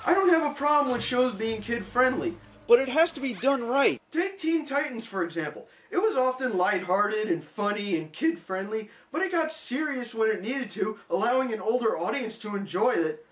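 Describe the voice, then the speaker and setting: A man reviewing a cartoon in a sarcastic, exasperated comedic rant that swings into shouting. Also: extremely high pitch, animated, normal speed, few pauses.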